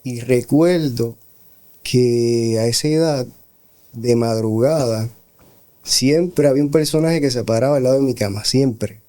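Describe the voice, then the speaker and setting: A middle-aged man, a pastor, giving a slow, reflective spoken testimony with pauses and hesitations. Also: mid-range voice, dark tone. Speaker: pastor, guest. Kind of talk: testimony in a radio interview.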